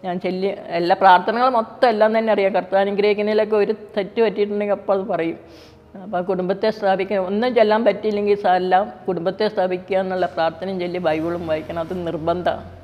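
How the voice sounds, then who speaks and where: A middle-aged woman, a mother, telling a personal faith story in quick, plain speech full of restarts. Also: medium pitch, flat delivery. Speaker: mother giving a faith testimony. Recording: dull, reverberant, with soft music behind.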